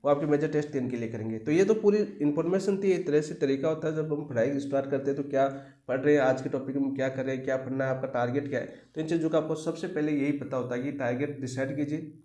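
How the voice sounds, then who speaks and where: Fast-talking man teaching an exam-prep class. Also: on the high side, warm tone, echoey room. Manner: repetitive, asks the class questions and answers them himself.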